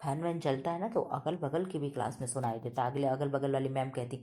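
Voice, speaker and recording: A woman with a heavy, deep voice teaching an online exam-prep quiz, speaking loudly and emphatically, repeating questions back to students. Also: steady tone, fairly quick. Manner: loud, emphatic, scolding-friendly teacher. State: sore throat.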